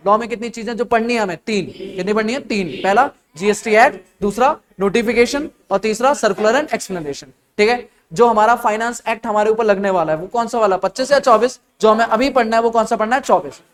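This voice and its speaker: A young Indian man teaching a classroom lecture, quizzing students with short repeated questions and answering them himself. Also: high-pitched.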